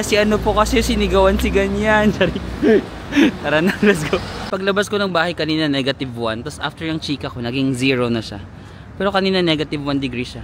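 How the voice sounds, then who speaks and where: A Filipino man vlogging outdoors from a handheld phone, telling a playful, gossipy story and mixing in English. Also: high-pitched. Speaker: travel vlogger. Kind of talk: casual vlog chat. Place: outdoors in a town in winter. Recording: faint street noise outdoors.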